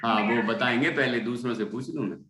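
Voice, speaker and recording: A man teaching a class, patiently correcting recitation and repeating syllables slowly. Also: mid-range voice, echoey room, background noise. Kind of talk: online class correcting pronunciation.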